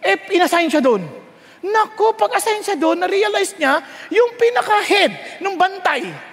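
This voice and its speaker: Male preacher, Taglish sermon, animated storyteller who checks in with the crowd, very high voice, long hall reverb. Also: unhurried.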